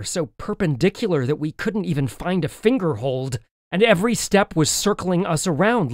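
A man's voice: on the high side, dry recording, studio quality. A man reading a children's novel aloud as an audiobook in the first person, telling the story expressively. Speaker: audiobook narrator.

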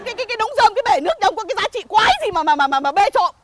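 A woman playing a hot-tempered village mother who curses a thief in shrill, rhythmic rants. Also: animated, rapid-fire, a loud crowd, heavy background noise. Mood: indignant. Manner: shrill, ranting, rhythmic cursing. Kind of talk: comedy sketch acting.

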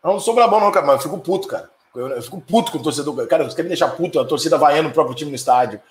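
A man's voice: fairly high pitch, animated. A middle-aged man with a Brazilian Portuguese accent hosting a live stream, reading viewer comments and answering them in a profane, heated, ranting way. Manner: profane, fiery, quick to anger and rant. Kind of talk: casual heated live chat. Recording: echoey room.

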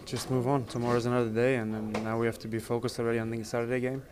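Speaking in a mid-range voice, a thirtysomething soccer captain gives a post-match press interview, his even delivery broken by hesitations and repeated words. Reporters hold mics and phones close to him. It's a crowded indoor press area with a sponsor backdrop and plenty of background chatter.

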